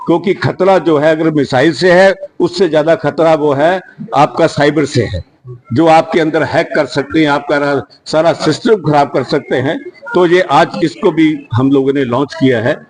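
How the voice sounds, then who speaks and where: A man's voice: fairly high pitch, normal speed, rough recording. A man who leads a security industry association gives an unscripted media statement in an earnest, rambling way, with frequent restarts.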